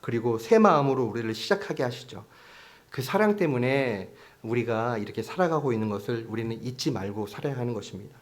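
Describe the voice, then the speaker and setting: Male pastor, conversational sermon in a church, acts out quotes, engages the congregation with questions. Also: mid-range voice. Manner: conversational preaching with acted-out quotes; asks the congregation questions often.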